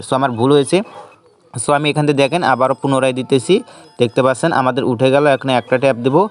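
A man talks through an app tutorial at a very fast clip. He gives steady step-by-step instructions and drops English words into his sentences. His voice sits at an ordinary, mid-range pitch for a man. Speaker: channel host. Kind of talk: screen-recorded app tutorial.

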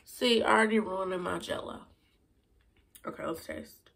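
A young woman with a hoarse voice, chatting casually and rambling in a food review vlog. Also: mid-range voice, measured pace, a bit bright. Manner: chatty, rambling with many fillers. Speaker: vlogger.

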